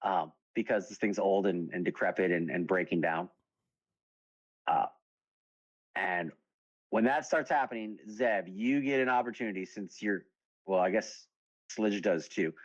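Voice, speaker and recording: A man's voice: sits low, unhurried, pauses often, muffled recording. A man narrating as game master in a tabletop game, rambling with lots of fillers and breaking into laughter easily.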